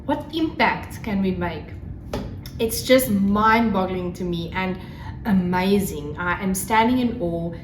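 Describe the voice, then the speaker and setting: A South African woman with Afrikaans as her home language speaks slowly in a medium-pitched voice, gushing casually as the solo host of a craft podcast in vlog form. Behind her are a crackling fire and faint noise, in an echoey room.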